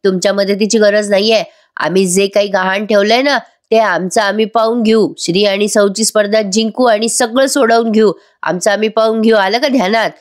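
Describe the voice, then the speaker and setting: A woman voicing an arrogant, rude young man who shouts and blames others. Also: medium pitch, fairly even intonation, moderate pace, lightly acted. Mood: insolent. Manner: shouting, insolent.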